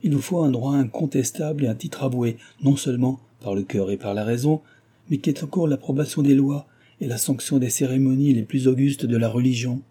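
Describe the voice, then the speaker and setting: A man voicing a passionate young gentleman suitor, speaking in a fervent, imploring and formal way. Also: mid-range voice, fairly quick, slightly rough, voice pushed up, close to an everyday voice. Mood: earnest. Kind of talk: audiobook character reading.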